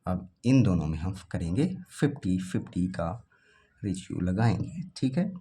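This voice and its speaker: A man's voice: low voice, expressive, normal speed, dark tone, husky. A man teaching an exam practice lesson, sounding out words aloud as he eliminates wrong answers.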